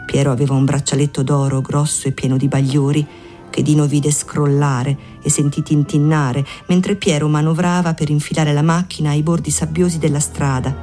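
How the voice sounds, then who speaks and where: A woman narrating a literary audiobook in a measured, even storytelling manner. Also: low-pitched, faint music behind.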